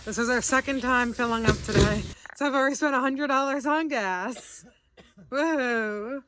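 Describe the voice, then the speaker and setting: Riding in a car on a road trip, a young woman from the US East Coast narrates her travel vlog at a moderate pace in a high-sitting voice. She's chatty, upbeat and says "like" a lot, and the recording is very noisy.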